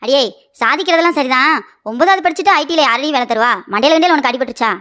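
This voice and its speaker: A woman voicing a sharp-tongued, scolding middle-aged mother-in-law in a cartoon comedy. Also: sits high. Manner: rapid scolding and mocking.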